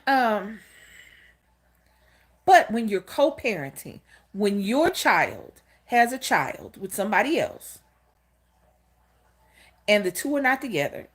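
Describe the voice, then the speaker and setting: Lively fifties woman chatting with viewers. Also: medium pitch, slow, pauses often, slightly rough. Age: 50s. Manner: candid, storytelling, talks straight to viewers. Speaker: channel host. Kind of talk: casual livestream talk greeting chat viewers.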